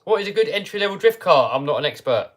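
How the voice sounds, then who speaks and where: Fast-talking and sing-song, with a voice that sits high, a man hosts a casual livestream. He keeps things easygoing and chatty, laughs frequently and reads viewer questions aloud.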